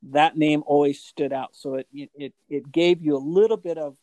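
A man's voice: a little high, steady tone, normal speed, warm tone, dry recording, poor audio. A man in his forties co-hosting a podcast, talking reflectively with many fillers and restarts. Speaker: podcast co-host. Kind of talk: casual podcast chat.

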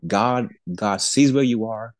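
Man, 40s, pastor and airman, deepish voice, earnest testimony, repeats and restarts, dry close sound. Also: takes it slowly, dry recording. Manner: earnest preaching tone, many restarts and repeated words, chuckles between phrases. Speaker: pastor and Air Force airman, podcast guest. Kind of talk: candid faith testimony in a podcast conversation.

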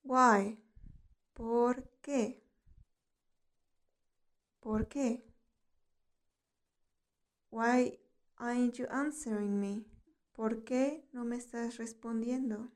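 A woman hosting a podcast lesson, reading out phrases in two languages and repeating each one slowly for listeners to copy. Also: fairly high pitch, fairly even intonation. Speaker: language teacher and podcast host. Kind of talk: slow bilingual vocabulary lesson.

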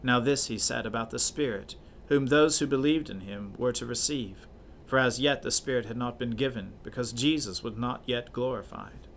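Male liturgical reader in a church service, steady and solemn, mid-range voice, faint background hiss. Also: mid-range voice, creaky. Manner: measured, solemn reading cadence. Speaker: scripture reader and officiant. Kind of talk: liturgical scripture reading and prayer.

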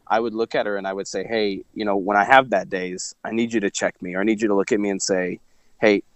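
A man's voice: fairly low pitch, fairly even intonation, fast, dry recording. A man from Missouri speaking as an interview guest, reflective and rambling with many fillers and restarts. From Missouri, USA. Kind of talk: casual faith-based conversation.

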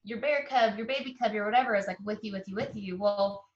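A young woman, an interview guest, tells a personal story in a casual, earnest way, halting often with fillers and restarts. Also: medium pitch, muffled recording. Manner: emotional and earnest.

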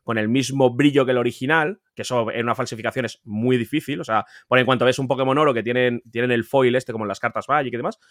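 A man from Spain with a Spain Spanish accent, a collector guest talking casually on a podcast, emphatic and animated, repeating words and swearing freely. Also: fast, hardly any pauses, no echo, studio quality. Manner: animated, pitch jumping up when insisting. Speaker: guest, video game collector.

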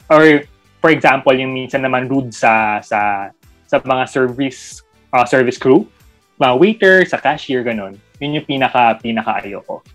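A man, a podcast guest talking casually in Taglish, halting and searching for words. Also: mid-range voice, fairly bright tone, soft background music.

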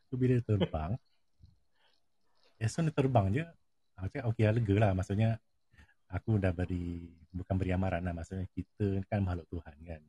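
A man recounts a ghost story in easy, conversational talk. His voice sits low and husky, and the sound is close and dry, with no room around it. He circles back over the same lines and sinks to a hush when it gets eerie. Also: a little fast, pauses often, no echo, muffled recording. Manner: animated retelling, repeats phrases, drops to hushed tones. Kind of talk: casual spoken ghost story.

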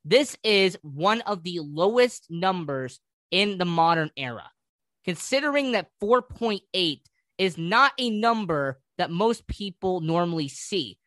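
Measured male sports host, dry close sound. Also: sits high, expressive, a bit bright, no room sound. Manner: emphatic, rhetorical questions. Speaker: sports talk show host. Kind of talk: sports commentary to listeners.

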